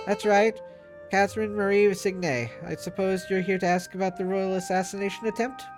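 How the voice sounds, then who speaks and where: A man's voice: sits high, steady tone, a little fast, over music, close to an everyday voice. A man voicing a young female swan flower seller in a game, polite and businesslike.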